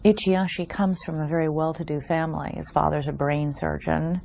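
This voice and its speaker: A woman's voice: sits low, flat delivery, brisk, creaky, a little mellow. A woman working as an interviewer, putting probing questions and remarks to her guest. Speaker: interviewer, reporter.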